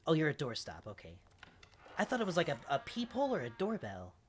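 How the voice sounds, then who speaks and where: A woman's voice: low-pitched, huge pitch swings, fast, slight background noise. A woman streamer chatting and reacting aloud as she plays a game, laughing often. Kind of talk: let's play commentary.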